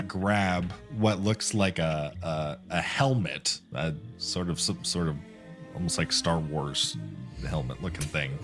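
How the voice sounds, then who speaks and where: Low-voiced guy running a tabletop game, lots of uhs and ums, faint music behind. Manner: rambling, halting with many fillers. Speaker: game master.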